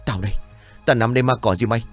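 A man doing a gruff older fisherman. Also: medium pitch, faint music behind, natural voice. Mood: brusque. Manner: brusque, quick, scolding.

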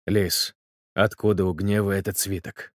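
An icy male reaper with a very low, quiet voice, as a narrator puts him on. Cold and stern, recorded dry and close. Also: little pitch movement, unhurried, dry recording.

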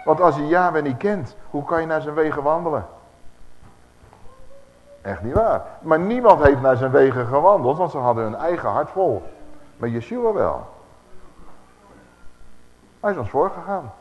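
A man preaching a Bible teaching sermon, animated and putting rhetorical questions to his audience. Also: a little high, normal speed, long pauses. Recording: echoey hall, dull lo-fi sound, faint hiss.

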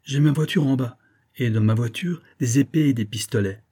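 Man doing a brisk young little baron. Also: mid-range voice, dark tone, dry recording, studio quality, voice pushed up, lightly acted. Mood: deferential. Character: small young male baron, cheerful and deferential.

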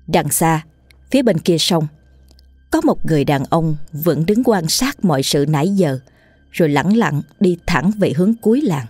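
A woman narrating a ghost story in a steady, suspenseful scripted style. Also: sits low, moderate pace, husky, no room sound, soft background music.

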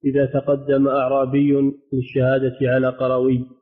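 A man's voice: mid-range voice, a little fast. A man formally reading texts and putting questions to a teacher, in a deferential way. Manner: flat, formal, deferential address. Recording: tinny phone-like line.

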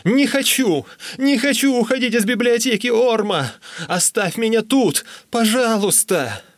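A frantic, book-obsessed young writer, put on by a male narrator, wailing in a high, strained voice. He begs and protests loudly and shrilly. The sound is dry and close. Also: sing-song, moderate pace, dry recording. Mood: pleading.

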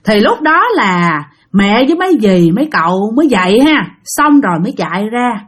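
A woman's voice: mid-range voice, big pitch swings, normal speed. A woman narrating a ghost story in a chatty way, addressing her listeners directly.

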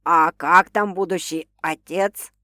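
A woman's voice: lowish voice, fairly even intonation, slow, sharp tone, no room sound, clean studio sound. A woman voicing a blunt, skeptical older sister who talks in brash slang in an audiobook. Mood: joking.

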